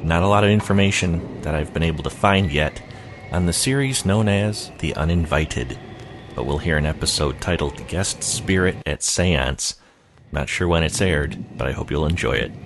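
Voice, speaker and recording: A man hosting a show, giving a relaxed introduction. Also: very deep voice, normal speed, background noise. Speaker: podcast host.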